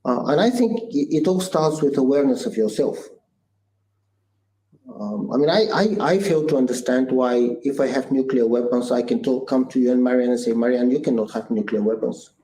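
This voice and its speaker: This guest entrepreneur, a Bulgarian-accented man in his sixties, gives conversational interview answers in an earnest, thoughtful manner, often pausing on "uh" and starting phrases over. His voice sits at a middle pitch and sounds mellow and dark. The space is roomy and echoey, with a faint hiss behind him.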